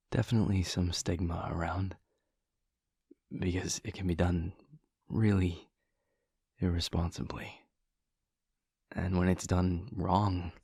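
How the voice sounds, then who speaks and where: A man voices a gentle, devoted vampire lover in an intimate audio roleplay, using a full character voice. His low-pitched tone is breathy, husky, and often whispered, with slow, halting, tender pauses. He's close to the microphone, and the recording is dry.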